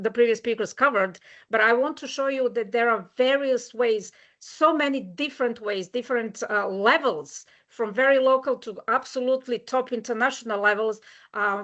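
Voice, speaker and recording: A woman's voice: on the high side, a bit bright, muffled recording. A woman from Serbia giving a webinar talk, earnest and personal, with many hesitations. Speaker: webinar speaker, rights of nature advocate. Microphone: video call.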